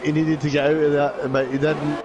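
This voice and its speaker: A man's voice: fairly high pitch, flat delivery, fairly quick, muffled recording. A man giving conversational live motorsport commentary and analysis, often restating his calls as a racing commentator.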